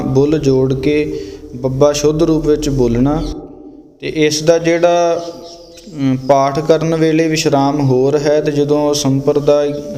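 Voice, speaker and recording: Brief: male recitation teacher, mellow dark tone, slightly higher pitch, long reverb on the recording. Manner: slow, deliberate demonstration of each word. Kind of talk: pronunciation lesson.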